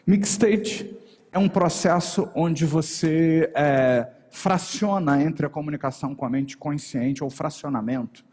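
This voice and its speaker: A Brazilian man teaching a live workshop from a stage, lively and shifting his intonation as he talks straight to the audience. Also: fairly high pitch, a little slow. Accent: Brazilian Portuguese. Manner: animated, shifts intonation to address the audience directly. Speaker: NLP and hypnosis trainer. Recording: long hall reverb on a stage voice.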